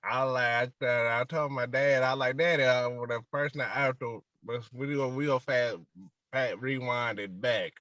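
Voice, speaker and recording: Lively guy telling stories, dry close sound, bright voice. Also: mid-range voice, normal speed, no echo, dull audio. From Southern United States. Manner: animated, laughing storyteller with frequent "you hear me". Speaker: interview guest. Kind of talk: casual storytelling.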